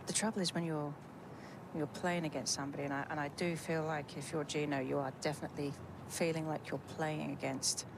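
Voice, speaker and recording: A woman with a low voice works as a golf commentator, talking through shots in an analytical, conversational way. She thinks aloud as she explains. Clear outdoor ambient noise sits behind her.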